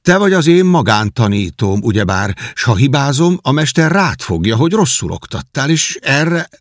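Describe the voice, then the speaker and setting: A man's voice: mid-range voice, sing-song, dry recording, studio quality, pitched above the performer's own voice. A man voicing a beggar boy posing as a young king, who questions in puzzlement and gives orders grandly. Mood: bewildered.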